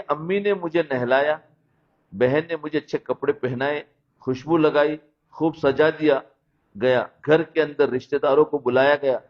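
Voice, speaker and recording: A man giving a sermon, telling stories about childhood and often asking his listeners whether they follow. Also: on the high side. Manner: storytelling, asks listeners "understood?". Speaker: Islamic preacher. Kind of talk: sermon with storytelling. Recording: dull lo-fi recording.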